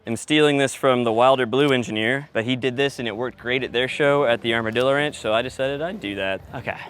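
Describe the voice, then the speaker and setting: A quick-talking man with a medium-pitched, slightly bright voice explains his on-location work casually and teasingly; he is the sound engineer and host. Background noise is clearly audible in this on-location audio.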